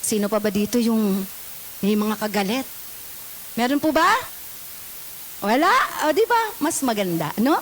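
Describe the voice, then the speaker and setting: Female pastor, Filipino accent, sermon in church, high pitch, questions the congregation. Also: animated, unhurried, long pauses, slight background noise, rough recording. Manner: mixes English scripture with Tagalog, asks the congregation questions.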